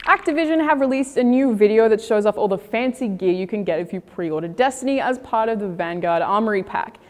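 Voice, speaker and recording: A woman's voice: mid-range voice, animated, a little fast. A woman reading scripted video game reviews and news as a presenter. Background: music.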